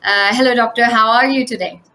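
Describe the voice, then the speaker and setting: A woman's voice: on the high side, a little fast, pushed and bright, poor audio. Enthusiastic young woman interview host. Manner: enthusiastic, many fillers and restarts. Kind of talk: online interview hosting.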